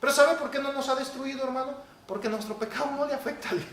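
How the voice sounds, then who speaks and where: A man preaching a sermon as pastor, emphatic and building to forceful peaks. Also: very high voice, fast talker, distant mic. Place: church hall. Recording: echoey church hall, faint noise.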